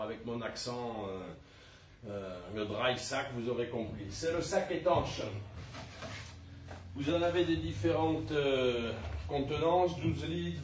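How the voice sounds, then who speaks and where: Older man, chatty gear demo, hesitant fillers, voice set back from the mic, faint noise behind. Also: mid-range voice. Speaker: pilgrim showing gear. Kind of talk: casual product demonstration. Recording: roomy and distant with faint background noise.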